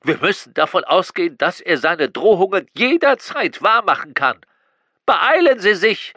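A man voicing a panicked, croaking government caller pleading for help in an audiobook. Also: high-pitched, very animated, moderate pace, sharp tone, no room sound, clean studio sound, voice pushed up, full character voice. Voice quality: croaky, gravelly. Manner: urgent, pleading. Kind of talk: audiobook character voice.

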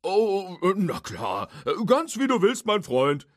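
A boisterous, good-hearted tow truck, put on by a male reader, who stretches his words and shouts in a raised, husky voice. His pitch leaps all over the place, and the read-aloud storybook sound stays dry and close. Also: huge pitch swings, dry recording, heavily acted. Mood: eager. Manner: loud, drawn-out, folksy shouting.

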